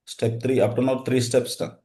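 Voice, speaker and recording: A man's voice: medium pitch, flat delivery, moderate pace, mellow. A man teaching an interactive coding lesson, dictating in short fragments and quizzing his students as he goes. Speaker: instructor.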